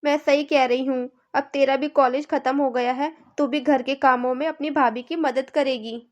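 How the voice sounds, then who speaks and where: A woman's voice: high voice, fairly even intonation, normal speed, lo-fi sound, natural voice. A woman voicing a bossy, complaining middle-aged mother-in-law in a cartoon, nagging and scolding.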